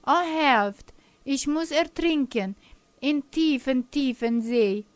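Lady reciting a little boy in a rhyme, high and slow, crisp voice. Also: animated, no echo. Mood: panicked. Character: little boy, bold then panicked, in a poem.

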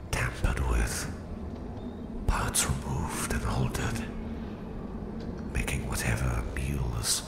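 Fully in character, a man with a bass voice performs a menacing, domineering Soviet psychic supervillain with a Russian accent for a slow, condescending ASMR roleplay. The whispery, gravelly delivery sounds reverberant.

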